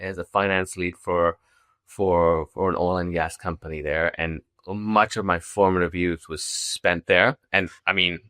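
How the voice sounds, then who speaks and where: A middle-aged Zambian company founder chats casually as a podcast guest, restarting often and leaning on fillers. His voice is deep with a sharp edge, recorded cleanly in a studio with no echo.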